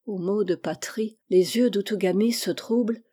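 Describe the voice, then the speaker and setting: A woman narrating a classic novel as an audiobook reader, measured and expressive. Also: mid-range voice, husky.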